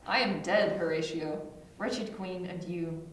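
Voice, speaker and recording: A woman's voice: lowish voice, moderate pace. A woman voicing a bitter, dying young prince in an amateur read-through of a Shakespeare play, fading yet urgent, sometimes stumbling over the lines. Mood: weary, fading. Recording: echoey room, distant mic, noisy.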